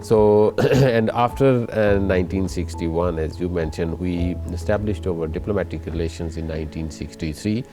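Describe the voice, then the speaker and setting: A middle-aged man with a Pakistani accent gives formal interview answers as an ambassador, in a measured, halting way full of hesitations. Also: low voice, mellow, faint music behind. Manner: halting, measured, hesitant phrasing with frequent long fillers.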